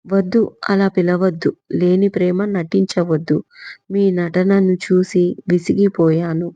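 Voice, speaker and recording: Brief: woman narrator plays wounded young man, cutting tone, dark husky timbre, dull recording. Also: lowish voice, level tone, measured pace, no echo, lightly acted. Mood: bitter accusing. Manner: harsh, accusing. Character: angry young man confronting his scheming aunt.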